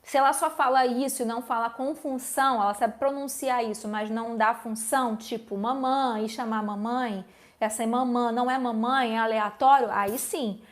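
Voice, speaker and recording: Brief: speech therapist, female, fairly high voice, patient live-stream Q&A explainer. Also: steady tone, moderate pace. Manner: explanatory, keeps checking in with listeners.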